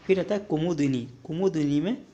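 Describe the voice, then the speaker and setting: Young male tutor, slightly high voice, repetitive drill delivery: wrong word, right word, "okay", next. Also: mellow, dull audio. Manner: repetitive drilling, checks in with "ठीक है" often; contrasts the wrong form with the right one, pausing mid-word. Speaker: Hindi teacher. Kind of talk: spelling lesson for exam prep.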